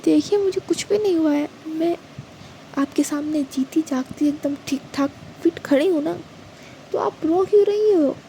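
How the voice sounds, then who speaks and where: A woman narrator takes on Vrinda, a caring young woman in a storybook romance. She soothes and gently teases her worried sister in a high, mellow voice. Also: moderate pace, slight background noise, poor audio. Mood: reassuring. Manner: reassuring and playful.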